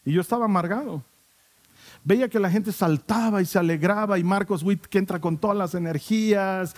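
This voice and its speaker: Pastor guy, high voice, tells his story with lots of acted-out voices. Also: normal speed. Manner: animated storyteller acting out quoted voices. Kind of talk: sermon storytelling.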